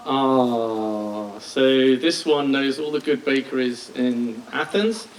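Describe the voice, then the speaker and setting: A man's voice: medium pitch, slow pace. A middle-aged British man, a school principal, giving a self-deprecating graduation speech with many ums and restarts. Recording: distant mic with faint noise.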